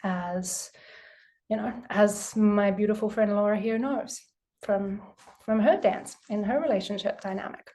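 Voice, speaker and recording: A woman's voice: medium pitch, steady tone, unhurried, warm tone. Candid, swearing woman teaching an online class. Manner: candid, emphatic, swears freely. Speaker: spiritual teacher. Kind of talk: live online class talk. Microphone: video call.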